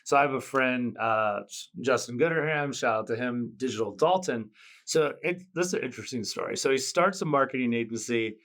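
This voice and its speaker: A man's voice: mid-range voice, a little fast, a bit bright. A man hosting a podcast, asking questions and agreeing often in a casual interview. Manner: agreeable, prompts with many yeahs. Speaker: podcast host.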